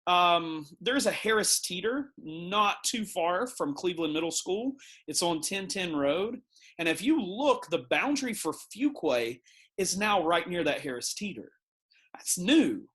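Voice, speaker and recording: A middle-aged man from the United States gives a recorded history lesson with a slightly raised pitch. He talks in a relaxed, conversational way and uses everyday analogies to explain things. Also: measured pace. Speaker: teacher.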